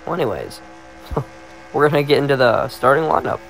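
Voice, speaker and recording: A man's voice: medium pitch, very animated, normal speed, vocal fry, over music, poor audio. A young man with a sick voice giving a casual, joking solo commentary on a sim race, often saying "obviously".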